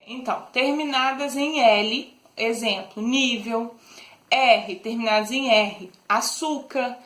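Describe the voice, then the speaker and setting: A woman's voice: on the high side, fairly bright tone, reverberant. A Brazilian Portuguese-speaking woman teaching a recorded lesson to young children, patient and affectionate, explaining step by step with frequent "é" hesitations. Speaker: primary school teacher.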